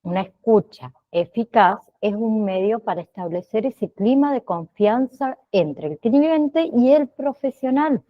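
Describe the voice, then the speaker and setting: Slow-talking woman teaching an online class. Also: a little high, lively intonation, dull audio. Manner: slow, checks in with frequent "¿sí?" and "¿bien?".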